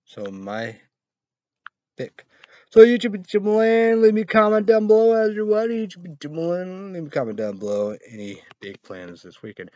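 This solo vlog features a man in his thirties with a high-pitched voice and big pitch swings, haltingly reading weather and news headlines in a small, dim indoor room. He spells words out, repeats phrases, and erupts into loud exclamations. Recorded with a webcam or laptop mic at arm's length, the audio is dull and lo-fi with no echo.

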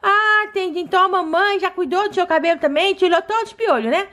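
A woman voicing a cheeky, scheming baby doll girl in a toy play video, in a high childlike voice. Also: fast talker, fairly bright tone. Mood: wheedling.

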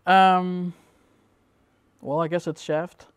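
A young man from Denmark, a competitive gamer, answering interview questions in a relaxed, rambling way with plenty of fillers. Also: high voice, drawn-out words, clean tone, no room sound. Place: dim indoor room at a gaming event.

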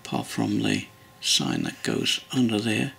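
A man's voice: fairly low pitch, wildly swooping pitch, measured pace, creaky, fairly bright tone, slight background noise. A man casually narrating a model-building tutorial at his workbench, rambling and hesitant with many ums and restarts. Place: hobby workbench indoors.

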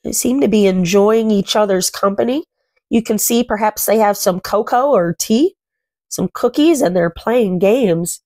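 In a small room at home, a young woman reads a picture book to small children, chatting as she goes and using expressive, sing-song delivery as their read-aloud host. She has a mid-range, somewhat dark voice and an unhurried pace. There's no echo.

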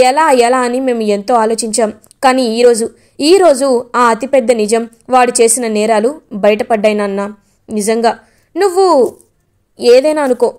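A woman's voice: fairly high pitch, darkish tone, clear, resonant tone, natural voice. A woman voicing a grieving father who earnestly pleads with his son. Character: grieving father accusing a family villain.

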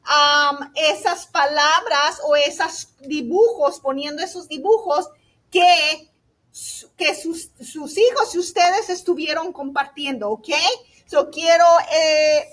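High-pitched lady teacher, talks slow to little kids, says ok a lot, throws in english words. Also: a bit bright. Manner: slow, sweet and encouraging, asks "¿ok?" often; mixes in English words like "so" and "all right". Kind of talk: remote lesson to young children.

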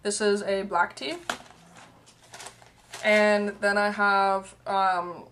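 Speaking extremely slowly in a level, mid-range voice with a fairly bright tone, a young Canadian woman vlogs casually about beauty and tea. Her voice is worn and fading, she rambles with frequent fillers and asides, and she records on a webcam at arm's length in a small room.

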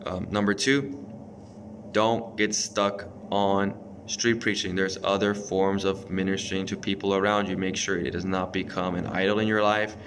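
A man in his thirties delivers an informal sermon straight into a close phone camera in a small bedroom. His voice sits on the low side and he presses his points earnestly, stumbling and restarting often. A faint background hiss stays under the whole recording. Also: level tone, normal speed. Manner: earnest, exhorting, many restarts and fillers. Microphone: phone or webcam close up.

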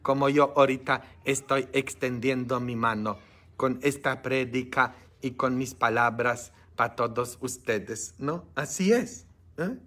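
A man preaching as a priest in a lively Bible study, swinging from shouting peaks to hushed asides, with chatty tag questions. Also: mid-range voice, unhurried. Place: church.

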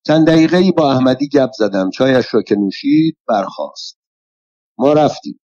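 Dark-voiced male audiobook narrator. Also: medium pitch, lively intonation, no room sound. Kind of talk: scripted first-person narration. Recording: dull, lo-fi dry recording.

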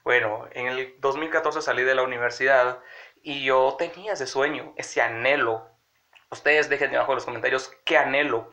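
Congested from a cold, the early-twenties vlogger chats rambly to viewers in a small room at home. His mid-pitched voice carries vocal fry and comes out pushed and bright, recorded in dull lo-fi audio by a phone camera at arm's length.

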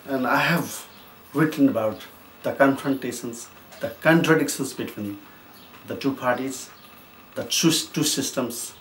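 A middle-aged man from Nepal answering interview questions as a writer, speaking in a measured way with many pauses and fillers. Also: mid-range voice. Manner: measured, with frequent hesitations and fillers. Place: plain indoor room. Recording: echoey room with faint noise.

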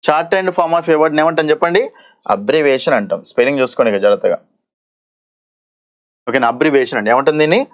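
Lively man teaching exam English. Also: a little high. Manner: explains in Telugu mixed with English terms, often asks "okay?"; reads English question text slowly and deliberately. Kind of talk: exam-prep lesson.

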